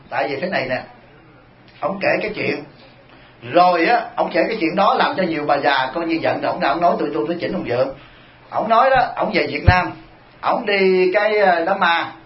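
A man, a Buddhist monk giving a dharma talk, telling humorous stories and addressing the congregation. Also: on the high side. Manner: humorous, animated storytelling to the congregation. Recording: echoey, dull lo-fi hall.

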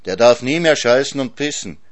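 A man's voice: medium pitch, lively intonation, normal speed, no echo, voice pushed up, natural voice. A man reading a storybook, voicing a sly trickster hare who coaxes and teases. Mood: teasing. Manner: teasing, coaxing.

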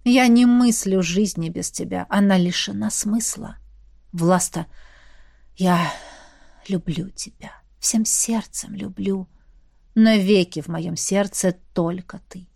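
A woman voicing a brooding male warrior who speaks softly and intimately, recorded dry and close. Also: medium pitch, slow pace, creaky, no room sound. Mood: tender. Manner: soft, hushed, intimate. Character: brooding male warrior lover, low and tender.

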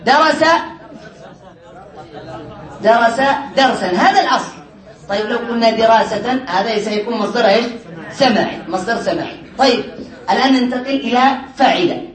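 A man teaching a class on word patterns, quizzing his students often and slowing down to stress each pattern. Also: extremely high pitch, animated, some chatter behind. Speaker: teacher of Arabic morphology. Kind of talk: classroom lesson. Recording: roomy classroom from a distant mic with class murmur.

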